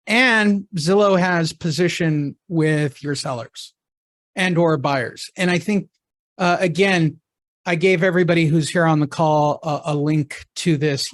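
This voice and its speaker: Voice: mid-range voice, no echo. Upbeat podcast host, dry sound. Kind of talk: casual podcast chat.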